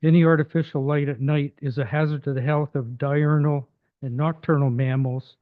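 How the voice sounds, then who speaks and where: Hoarse hesitant man, tinny council mic. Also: fairly high pitch, fairly even intonation, normal speed, no echo. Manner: hesitant, many fillers and restarts. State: losing his voice. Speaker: resident delegate addressing council. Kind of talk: formal public delegation, partly read aloud. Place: council chamber, delegation table. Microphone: table microphone.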